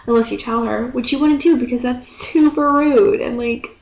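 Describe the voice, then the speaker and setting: A woman's voice: on the high side, normal speed, vocal fry, darkish tone. A teenage girl rambling sarcastically in a casual vlog, swearing freely, into a webcam mic. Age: teens. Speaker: vlogger. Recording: echoey room.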